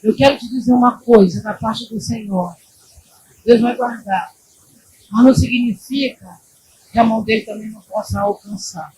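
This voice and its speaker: A woman pastor from Brazil preaching a sermon in an animated way, moving between loud exhortation and quiet asides. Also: on the high side, slight background noise, rough recording. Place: church.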